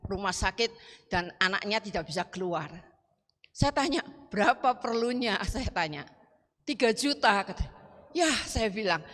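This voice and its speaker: A woman's voice: mid-range voice, fairly bright tone. A woman preacher telling a personal testimony in a sermon, acting out her conversations with her child. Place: church hall. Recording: long hall reverb.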